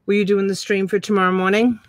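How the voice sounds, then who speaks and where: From a room at home, a middle-aged woman hosts a live online auction on a webcam, counting items and calling bids slowly. Her voice is medium-pitched and level, and the recording is dry.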